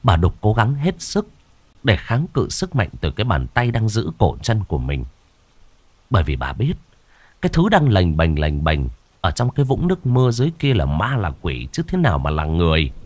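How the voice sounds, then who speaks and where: A man narrating a ghost story, dramatic and slowing down on the eerie moments. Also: fairly low pitch, huge pitch swings, darkish tone, dry recording.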